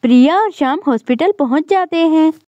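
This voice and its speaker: A woman's voice: high-pitched, animated, fairly quick, dark tone, no echo, dull audio. A woman narrating a children's doll story in a simple, plain way.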